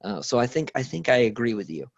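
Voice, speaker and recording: A man's voice: mid-range voice, very animated, fast talker, creaky, no room sound, muffled recording. A man hosting a casual conversation who speaks thoughtfully and hedges with fillers. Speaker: host.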